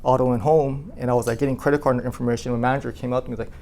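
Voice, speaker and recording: Animated man telling his team a story. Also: mid-range voice, racing. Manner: animated, asks the room questions, many "like" fillers. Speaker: insurance agency owner addressing his team.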